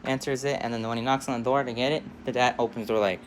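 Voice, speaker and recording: A man's voice: mid-range voice, steady tone, racing, a little hiss or hum. A man telling a story in a loose, rambling, casual way. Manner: rambling, loose, "he's like" style.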